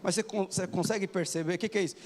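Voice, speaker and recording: A pastor in his forties delivers a rapid-fire sermon to a church congregation, frequently asking them rhetorical questions. His voice sits high with fairly even intonation and a darkish tone, and the church hall adds a long reverb.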